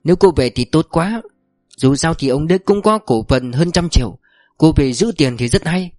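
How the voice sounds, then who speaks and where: A woman's voice: low voice, lively intonation, moderate pace, darkish tone, no room sound, studio quality, soft background music. A man voicing a sly, sarcastic older businesswoman who speaks coolly and mockingly. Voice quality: cool, mocking.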